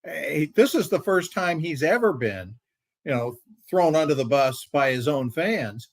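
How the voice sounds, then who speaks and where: A man's voice: fairly high pitch, big pitch swings, a little slow, no room sound. An older man on a sports panel, telling stories from his years covering the game, with many fillers. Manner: storytelling, knowledgeable, hesitant fillers. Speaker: sports talk panelist, former anchor. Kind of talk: casual sports banter.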